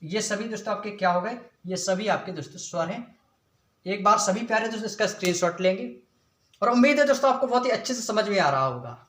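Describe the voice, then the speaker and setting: A young man with a high, slightly bright voice runs an exam-prep lesson, talking fast with lively intonation. He poses each question to the class and answers it himself, saying "friends" in nearly every sentence. The room echoes around him.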